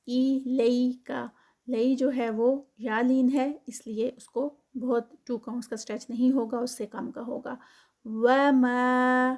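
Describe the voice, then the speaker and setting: A woman with a slightly high, warm voice goes through the rules of Quranic recitation letter by letter. Patient and methodical like a teacher leading a class, she sets out each explanation step by step before reciting in this tajweed lesson.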